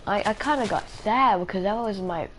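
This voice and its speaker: A woman's voice: medium pitch, normal speed, a little hiss or hum, poor audio. A sleepy, tired woman rambling hesitantly in casual chat as a live streamer, with many fillers.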